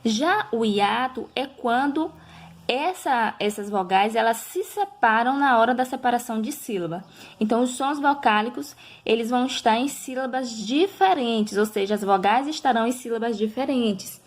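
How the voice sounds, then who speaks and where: Patient woman teaching children. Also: on the high side. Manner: slow, patient, drawing out example words syllable by syllable; checks in with listeners often. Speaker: primary school teacher. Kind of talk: recorded review lesson for children.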